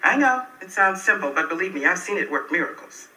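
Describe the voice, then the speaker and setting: An actress playing an earnest, soothing parenting counselor in a sitcom, heard as TV audio played back in a room. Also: female voice, on the low side, animated, pushed and bright, recorded from a distance. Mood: calm. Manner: soothing, slow, instructive. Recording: roomy TV audio played from afar.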